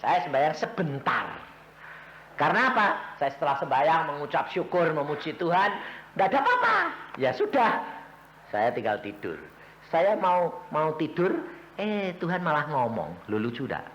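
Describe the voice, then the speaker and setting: Animated preacher with swooping voice. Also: male voice, fairly high pitch, normal speed, echoey room, lo-fi sound, slight background noise. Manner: animated, swinging between loud exclamations and soft asides. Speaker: evangelist preacher. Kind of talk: storytelling sermon.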